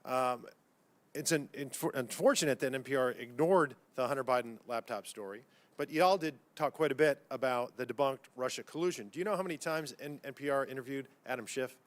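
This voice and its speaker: At a hearing, a congressman with a brisk, medium-pitched voice grills witnesses. His questioning is pointed, combative and folksy, with plenty of "y'all."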